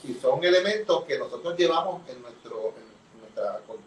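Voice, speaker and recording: A man with a Puerto Rican accent, an archaeologist guest, explaining in a measured, lecturing way during a conversational interview. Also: medium pitch, animated. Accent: Puerto Rican Spanish. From Puerto Rico. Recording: roomy, distant mic with faint noise.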